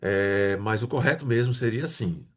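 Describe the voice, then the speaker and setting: A man's voice: lowish voice, moderate pace. A man from Brazil, teaching a grammar lesson, patiently repeating words and checking in with his students. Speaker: Hebrew teacher.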